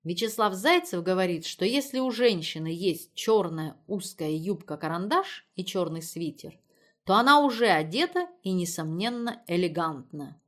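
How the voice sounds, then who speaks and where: A woman reading the part of a brisk, commanding middle-aged mother in an audiobook. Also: lowish voice, animated, fairly bright tone. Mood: bossy.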